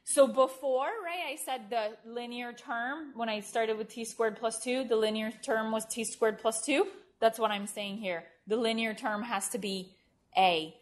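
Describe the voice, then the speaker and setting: A woman teaches a math class in a lecture room, talking in a relaxed, unpolished way. She keeps checking in with her listeners and fixes her own phrasing mid-sentence as she writes on the board. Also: a little high, unhurried. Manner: informal, checks in with "right?", self-correcting. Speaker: mathematics lecturer.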